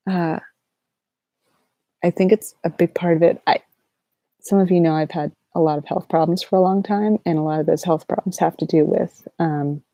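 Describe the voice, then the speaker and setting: A sleep-deprived woman chatting softly and casually as an ASMR livestream host, in a halting, low-energy, rambling way. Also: no room sound, lo-fi sound. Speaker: ASMR artist hosting a livestream Q&A.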